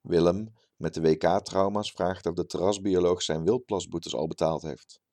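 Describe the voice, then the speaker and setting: Man, storyteller, deadpan reading, gravelly, low. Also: moderate pace. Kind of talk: reading a short story aloud.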